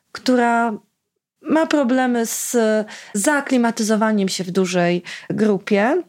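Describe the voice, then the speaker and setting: A woman's voice: a little high, a little mellow. Chatty woman reviewing children's books. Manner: chatty, reads story passages aloud with character voices; laughs between remarks. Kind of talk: casual book review with read-aloud.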